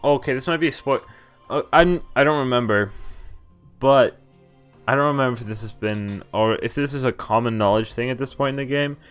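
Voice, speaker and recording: Here a man streams a visual novel, voicing its text and slipping in offhand, wry comments as he goes. His medium-pitched voice is clear and resonant, a bit bright, and fairly quick, over the game's music.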